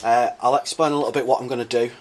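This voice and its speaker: A man with a croaky voice, casually explaining a car modification for his vlog, thinking aloud with plenty of uhs and ums. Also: mid-range voice, steady tone, rapid-fire. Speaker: car modding vlogger.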